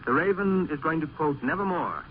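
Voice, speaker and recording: A man's voice: on the high side, expressive, moderate pace, close to an everyday voice. An actor playing a brooding, fervent male poet in an old-time radio drama, declaiming in a theatrical way. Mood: fervent, resolute. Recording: muffled, noisy vintage radio recording.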